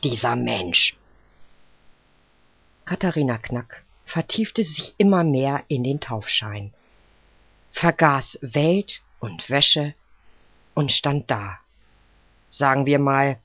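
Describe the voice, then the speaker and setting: A man narrating a story in a slow, dramatic, wry reading style, in a slightly muffled recording. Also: fairly high pitch, a bit bright, no room sound.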